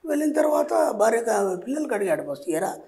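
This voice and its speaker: A male spiritual teacher appears as a guest and gives advice in an explanatory way, frequently pausing to check that the listener follows, often through rhetorical questions. His voice sits high, brisk and creaky yet a bit mellow, with lively intonation.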